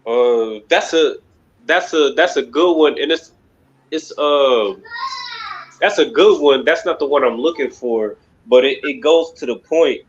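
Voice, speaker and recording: This religious class lecture comes from a man with a medium-pitched, unhurried voice, captured with lo-fi sound. His delivery is rambling and emphatic, and he leans constantly on fillers, especially "you know what I mean."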